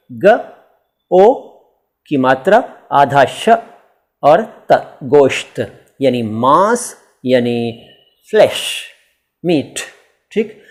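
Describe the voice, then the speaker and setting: A man's voice: a little high, a little mellow. Chatty teacherly man answering viewer questions. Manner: chatty, teacherly, quizzes himself and answers with playful asides. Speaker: language channel host answering viewer questions. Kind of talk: casual Q&A explainer.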